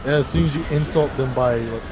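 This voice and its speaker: A man's voice: mid-range voice, fast, heavy background noise. A man casually commenting on a video game with a friend, laid-back and joking. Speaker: let's play co-commentator.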